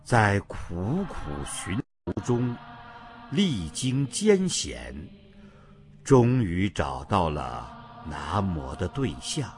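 A man speaks in a deep-set, unhurried voice, reading a scripted narration with a solemn weight on each phrase. His pitch rises and falls widely as he goes. Clear music plays behind him throughout. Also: wildly swooping pitch, darkish tone. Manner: slow, measured and solemn. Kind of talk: scripted narration on Buddhist chanting.

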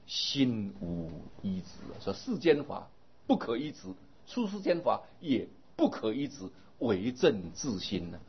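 Very husky, lively male preacher. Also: fairly low pitch. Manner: ends phrases with a drawn-out particle, explanatory. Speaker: Buddhist dharma teacher. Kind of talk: sermon. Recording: dull lo-fi recording.

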